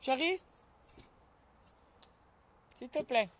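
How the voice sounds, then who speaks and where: A woman hosting a casual live stream from home, chatting with viewers, greeting them by name and breaking off to calm a child. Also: sits high, drawn-out words, a little hiss or hum.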